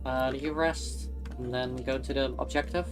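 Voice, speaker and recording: A man's voice: medium pitch, fairly even intonation, moderate pace, soft background music. A man casually chatting with a friend while playing a co-op game, swearing offhandedly and explaining mechanics. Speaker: co-op streamer.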